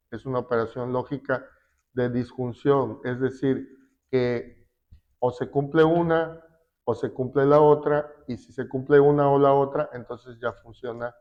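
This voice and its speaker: A man teaching a class, slowly explaining a spreadsheet step by step with fillers. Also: medium pitch. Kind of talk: classroom software lesson. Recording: dull lo-fi recording.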